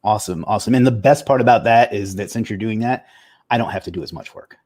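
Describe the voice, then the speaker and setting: Male livestream host, low-pitched, quick and chatty, upbeat with light jokes. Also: darkish tone. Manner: upbeat, joking, with fillers. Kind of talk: casual livestream chat.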